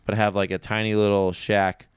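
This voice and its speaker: Playful low-voiced young man host. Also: little pitch movement, normal speed, smooth, no room sound, studio quality. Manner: goofy, playful, laughs a lot. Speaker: podcast host. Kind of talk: casual chat.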